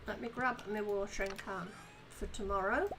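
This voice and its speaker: A woman's voice: mid-range voice, fairly even intonation, normal speed, background noise. A woman hosting a game live stream, chatting casually and talking through her own moves as she plays. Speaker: streamer and host.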